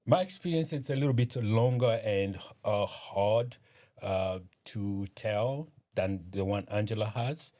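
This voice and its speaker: A man from eastern Congo talks as an interview guest in a fairly low voice. He speaks in a measured, hesitant way, pausing often and filling gaps with soft fillers. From Eastern Democratic Republic of Congo. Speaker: guest, community organization founder. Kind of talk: interview conversation.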